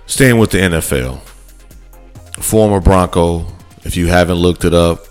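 Male sports podcast host, very low voice, loose chatty delivery over faint background music. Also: a little slow. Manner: loose and conversational, with many fillers and restarts. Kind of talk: casual sports talk.

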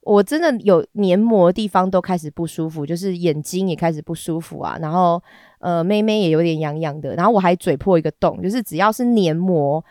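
A woman chats alone on her podcast, hoarse and nasal from a cold. Her voice sits a little low and is recorded dry and close with no room sound. She talks frankly and bawdily, rambling along with little giggles. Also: brisk, mellow, no room sound. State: hoarse and congested. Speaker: podcast host. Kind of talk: casual solo podcast chat.

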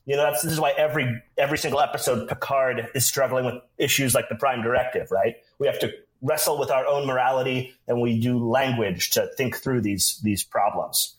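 Male co-host, eager and leading, mid-pitched voice, roomy echoey recording. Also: fairly even intonation, fairly quick, hardly any pauses. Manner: enthusiastic, leads the discussion. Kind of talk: casual chat.

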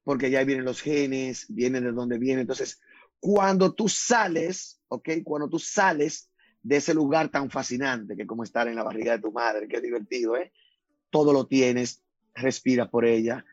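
A man from the Dominican Republic appears as a guest on a radio talk show, earnestly explaining his ideas and slowing down to stress his points. His voice is medium-pitched, and the recording is dry with the highs cut off.

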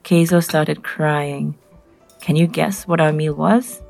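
A woman from Nairobi with a Kenyan accent, narrating a scripted personal story in clear, simple short sentences. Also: sits low, fairly even intonation, slow pace, a little mellow, soft background music.

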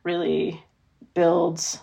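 Middle-aged woman author, low and gravelly, thoughtful interview guest, lots of "you know". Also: completely flat delivery, drawn-out words, warm tone. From Midwestern United States. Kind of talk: conversational interview.

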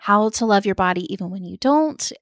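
A woman hosting a casual interview, asking quick, upbeat questions. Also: mid-range voice, lively intonation, dry recording, clean studio sound. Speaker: podcast host.

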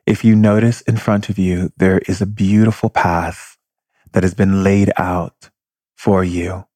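A man leading a guided meditation with slow, calm instructions. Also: deep voice, dry recording.

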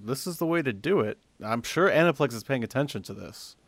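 Podcast host, male, mid pitch, dry booth sound, steady list reading. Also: brisk, no room sound. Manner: reads figures in a steady list, laughs easily. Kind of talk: casual podcast chat.

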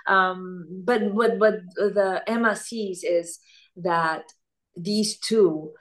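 A woman from Italy, an actress talking as an interview guest, thoughtful and animated, often searching for words. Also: medium pitch, drawn-out words. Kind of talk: casual interview chat.

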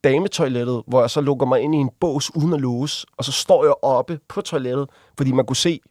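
A man speaks as a guest in a casual interview, recounting events with halting restarts and fillers. He slips into acted voices when quoting others, which keeps the telling lively. His voice sits at a middle pitch in a dry, close recording. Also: dry recording. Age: adult. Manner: vivid, acts out quoted voices while retelling.

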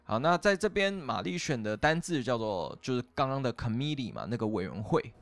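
A man's voice: mid-range voice, big pitch swings, a little fast, creaky, fairly bright tone. A young man with a Taiwanese Mandarin accent, co-hosting a podcast and explaining English grammar step by step in a chatty way. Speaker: podcast co-host teaching English.

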